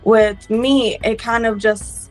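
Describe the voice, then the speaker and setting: A woman's voice: on the high side, fairly even intonation, slow pace, darkish tone, soft background music, low-quality recording. A young woman whose first language is Fiji Hindi, telling personal stories in an earnest, conversational way. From Fiji or Fijian diaspora family. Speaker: interviewee. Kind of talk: personal storytelling, casual talk.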